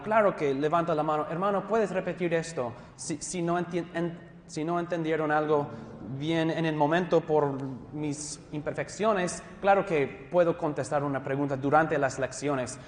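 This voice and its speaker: In a large hall with long, ringing reverb, an American man from Southern California teaches a theology class, his voice pitched a little high. He's friendly and pokes fun at himself, taking his time and often stopping to restart a word. There's a slight hiss or hum in the recording.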